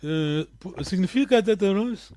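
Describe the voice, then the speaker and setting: A man's voice: sits high, animated, measured pace, background noise. A man whose first language is Kikongo, teaching an online language lesson and patiently explaining words one by one with frequent check-in questions.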